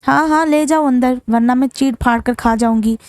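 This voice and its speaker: A woman's voice: normal speed, clear, resonant tone, dry recording, studio quality, close to an everyday voice. A woman voicing a bitter, scolding old mother-in-law who rants shrilly. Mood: shrieking. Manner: shrill, ranting.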